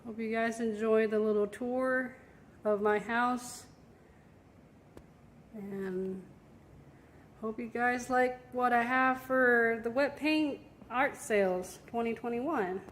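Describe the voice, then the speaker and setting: A woman's voice: a little high, slow pace, long pauses, slight background noise. A young woman from Taiwan, an artist and photographer chatting casually on a tour of her home, laughing lightly between thoughts. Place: at home, indoor rooms. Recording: roomy echo of a home.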